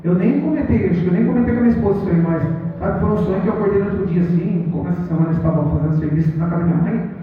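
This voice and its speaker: Male preacher, high voice, sermon story; distant, thin phone-like recording in a booming hall. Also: rapid-fire, slight background noise. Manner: storytelling, addresses the congregation as brothers. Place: church hall.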